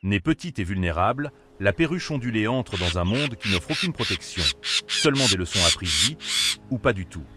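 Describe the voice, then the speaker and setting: A man's voice: fairly low pitch, very animated, normal speed, sharp tone. A man delivering scripted wildlife documentary narration in a solemn, dramatic manner. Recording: narration over prominent music. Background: music.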